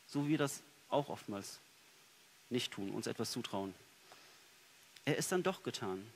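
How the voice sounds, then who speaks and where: A man preaching a sermon in a church, earnest, moving between soft, quiet passages and emphatic ones. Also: medium pitch, lively intonation, unhurried, creaky, slight background noise. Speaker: pastor.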